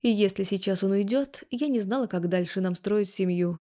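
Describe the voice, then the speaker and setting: A woman's voice: mid-range voice, moderate pace, warm tone. Woman narrating a story in the first person. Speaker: audiobook narrator.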